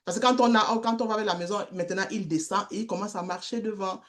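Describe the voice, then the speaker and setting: A middle-aged woman giving a testimony, telling a story in a slow, halting way with repeated words. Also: mid-range voice. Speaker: guest speaker, street-children worker.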